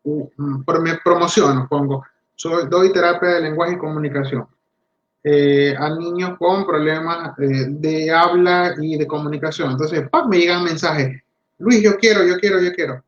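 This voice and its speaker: A male speech therapist giving a talk to parents, animated and acting out the voices of parents and children as he explains. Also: on the high side, measured pace. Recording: roomy, dull lo-fi audio.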